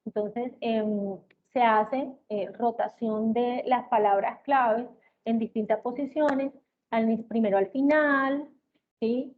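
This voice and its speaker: A woman giving an explanatory lecture on therapy methods, often checking in with her listeners and filling pauses with hesitation sounds. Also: a little high, fairly even intonation. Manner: checks in with listeners with "¿ok?" and "¿sí?", many "eh" fillers. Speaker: lecturer in auditory-verbal therapy. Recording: tinny, phone-like with faint hiss.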